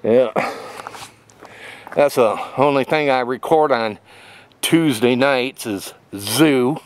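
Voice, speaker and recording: On a wooded trail, a middle-aged man vlogs while walking, rambling and restarting often, with plenty of fillers. His medium-pitched voice is slow and clean with no echo, recorded on a phone camera at arm's length.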